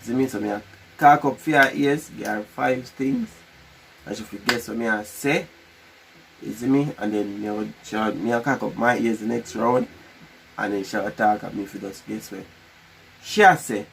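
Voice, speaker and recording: A man's voice: fairly low pitch, normal speed, creaky, a bit bright, slight background noise, rough recording. A man with a Jamaican accent chatting playfully in Patois as co-host of a casual challenge video. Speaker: vlog co-host. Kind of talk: casual chat during a couple's challenge game.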